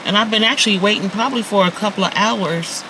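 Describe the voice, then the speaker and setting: A woman's voice: medium pitch, quick pace, noisy background. A woman in her fifties chatting casually to her viewers in a self-filmed vlog, recorded on a phone at a park and in her car. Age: 50s. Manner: chatty, talks straight to viewers, many fillers. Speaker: vlogger. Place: outdoors at a park and in a parked car.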